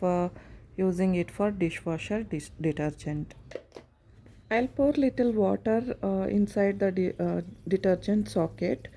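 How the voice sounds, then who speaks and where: A woman in her thirties with a South Indian accent, narrating a casual home vlog in plain everyday phrasing with hesitant pauses. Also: mid-range voice, warm tone. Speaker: home vlogger.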